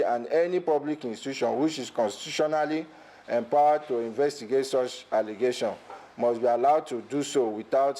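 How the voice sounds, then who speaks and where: A man's voice: mid-range voice, mellow, a little hiss or hum, low-quality recording. A man reading a scripted news voice-over.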